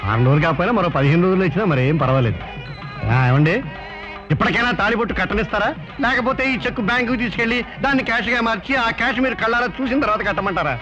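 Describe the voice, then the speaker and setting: An actor playing a pompous, sweet-talking male swindler who gives grand, drawn-out pleas. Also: high-pitched, lightly acted. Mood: scheming. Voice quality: grandly theatrical, drawn-out pleading speech. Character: pompous sweet-talking male con man, middle-aged. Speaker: smooth-talking swindler who hands out bad checks. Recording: muffled film soundtrack with loud music.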